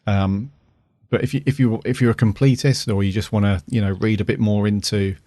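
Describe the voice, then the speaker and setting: A man hosts a podcast in casual chat. His voice is fairly low and recorded dry, with no room around it. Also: steady tone, a little fast, warm tone, no echo. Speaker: podcast host.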